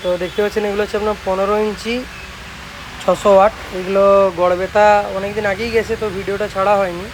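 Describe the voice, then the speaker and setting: This high-voiced young man talks quickly, his West Bengal Bengali accent clear as he shows off products in a relaxed, repetitive, comforting manner. He hosts a channel and repairs speakers for a living, and he's from West Bengal, India. It's a casual showcase vlog, recorded amateurishly over constant loud background noise.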